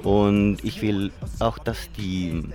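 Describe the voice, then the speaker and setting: Outdoors by a lake, a guest DJ from Chile, a native Spanish speaker, answers casual interview questions in earnest, simple German that isn't his first language. He talks slowly in a warm, lowish voice with fairly even intonation, and soft music plays behind him.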